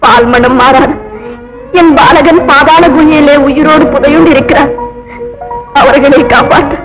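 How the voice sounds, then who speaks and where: An actress playing a devoted young wife who pleads impassioned and tearful, in 1950s film melodrama style. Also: female voice, high voice, steady tone, unhurried, poor audio. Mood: pleading. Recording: old film soundtrack with loud music.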